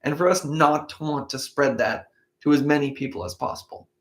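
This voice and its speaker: Man, slightly high voice, casual scripture commentary, acts out quotes, echoey room. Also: brisk, fairly bright tone. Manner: conversational, acts out quoted speakers. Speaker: Bible reading podcast host.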